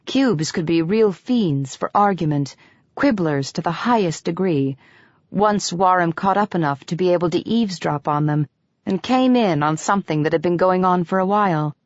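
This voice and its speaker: A woman narrating an audiobook in a measured, even reading. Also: on the low side, no echo. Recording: dull dry studio audio.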